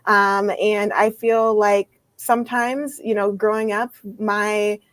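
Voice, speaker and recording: A woman's voice: medium pitch, steady tone, slow pace, dry recording. A young woman from Minnesota, a guest in an interview, speaking thoughtfully with frequent ums. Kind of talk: interview talk.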